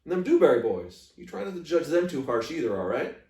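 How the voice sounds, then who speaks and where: A man voicing a kindly, plainspoken old Southern woman with a folksy, gently admonishing way, as he reads a story. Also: a little high, big pitch swings, brisk, voice pushed up. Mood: wise, instructive. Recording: echoey room, distant microphone.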